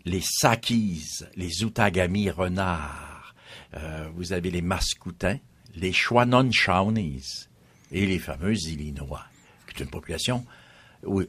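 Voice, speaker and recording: A man's voice: deep voice, a little slow, slightly rough, no echo. A man, a history guest explaining at length in a radio interview and listing names one after another.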